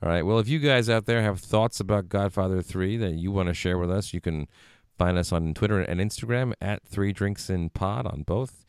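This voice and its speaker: A man hosting a podcast, wrapping up the episode in relaxed, wry banter. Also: sits low, moderate pace, few pauses, clean tone, no echo, clean studio sound. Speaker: podcast host. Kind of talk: casual podcast outro.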